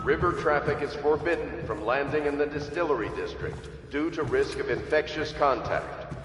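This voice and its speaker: Stern loudspeaker announcer echoing from far off. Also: male voice, a little high, moderate pace. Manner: formal, commanding official announcements. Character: stern male city loudspeaker announcer, authoritarian. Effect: public loudspeaker broadcast. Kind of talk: video game playthrough. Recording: echoey loudspeaker from far off, noisy street.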